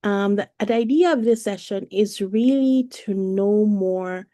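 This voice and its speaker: A woman, a perimenopause coach giving a live online presentation in a halting way, with frequent fillers and self-corrections. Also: mid-range voice, mellow, no echo, studio quality. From Philippines. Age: 40s.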